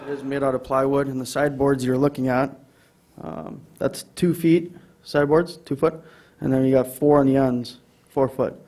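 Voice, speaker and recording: A man's voice: medium pitch, level tone, moderate pace, dark tone. A man with an Upper Midwest American accent presenting an item to a city council, with many ums and restarts. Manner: hesitant, many fillers. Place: council chamber.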